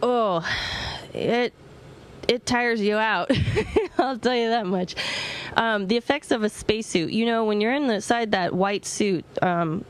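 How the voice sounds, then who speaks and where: A woman's voice: medium pitch, measured pace, slight background noise. A woman astronaut giving informal, plain-spoken answers to students over a space-to-ground radio link. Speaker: astronaut answering questions from orbit. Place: aboard a space station.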